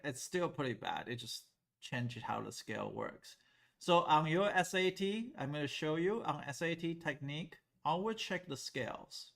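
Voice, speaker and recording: Gravelly-voiced man teaching math. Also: on the high side. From Taiwan. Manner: lively, asks the class questions. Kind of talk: classroom lecture at a whiteboard.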